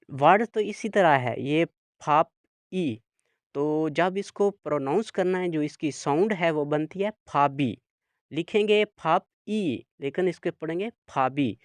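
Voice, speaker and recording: A man teaching a language lesson, slowly explaining rules and repeating each example word. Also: on the high side, no room sound. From Pakistan. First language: Urdu. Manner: spells out and repeats example words.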